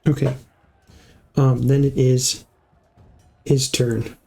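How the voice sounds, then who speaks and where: A man narrating combat as game master of a tabletop game, halting with many fillers and restarts. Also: mid-range voice, flat delivery, gravelly, a little mellow, soft background music.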